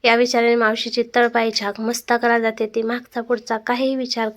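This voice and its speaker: A woman narrating a dramatic family story in a steady, expressive reading voice. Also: a little high, brisk.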